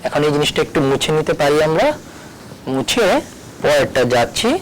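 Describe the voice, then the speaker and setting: A man's voice: fairly high pitch, animated, moderate pace, slight background noise, low-quality recording. Man teaching spelling out words. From Tripura, India. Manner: spells words letter by letter, switches between Bengali and English. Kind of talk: recorded board lesson. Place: at a board, erasing and writing.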